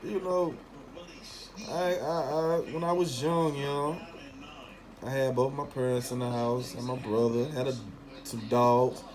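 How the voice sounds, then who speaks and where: Over crowd noise on a rough recording, this Memphis talk host holds a steady, medium-pitched tone at a slightly slow pace. His Southern-accented monologue is laid-back and opinionated, packed with blunt slang and frequent cursing.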